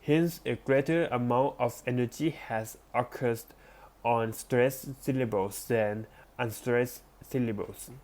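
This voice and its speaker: A man reading an academic text aloud as a lesson, careful and deliberate, with small restarts. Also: mid-range voice, a little mellow. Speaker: presenter.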